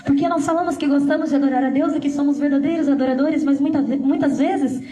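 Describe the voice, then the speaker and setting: High-voiced woman preaching in an echoey church. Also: fairly even intonation, fast, far from the mic. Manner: earnest storytelling, addressing the congregation directly. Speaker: preacher giving a testimony. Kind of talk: sermon testimony.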